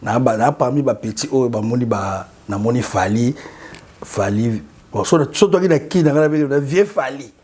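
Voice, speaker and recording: Speaking at a normal speed in a husky, medium-pitched voice, a man from Congo chats casually as an interview guest. His Congolese French accent comes through as he grows animated, repeats himself often, and moves between French and Lingala, all captured on a studio microphone.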